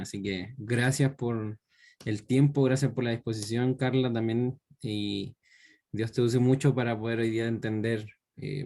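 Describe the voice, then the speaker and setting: A man's voice: on the low side, a little mellow. A Chilean man, a student, introducing himself on a video call with a grateful, church-style greeting.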